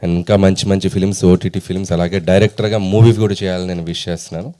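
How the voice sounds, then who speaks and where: A middle-aged man, a film director, giving a relaxed, friendly speech at a press event, mixing in English phrases. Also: low-pitched, fast. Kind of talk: informal press meet speech.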